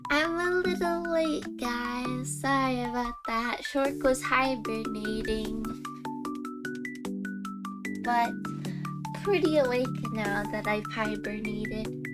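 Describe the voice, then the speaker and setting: With background music playing beneath her, a game streamer chats casually and in a cutesy manner while hosting her livestream. Her female voice is slow and on the high side.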